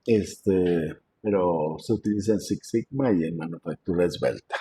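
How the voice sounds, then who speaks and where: A man lecturing an online class as professor, talking in a conversational way with many fillers and frequent throat clearing, over a video call. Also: deep voice, moderate pace, warm tone, a little hiss or hum.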